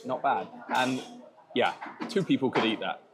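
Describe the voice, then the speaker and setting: A man's voice: mid-range voice, moderate pace, over loud music. A man tasting and describing street food in a casual food vlog, chatty and enthusiastic, laughing at himself now and then. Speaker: food vlogger. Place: restaurant and bakery in Thailand.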